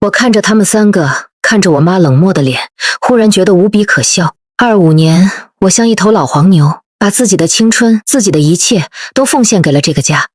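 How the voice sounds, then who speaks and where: A woman's voice: mid-range voice, expressive, a little fast, few pauses, no room sound, clean studio sound. A woman in her forties narrating a first-person audio story in a subdued, wounded way.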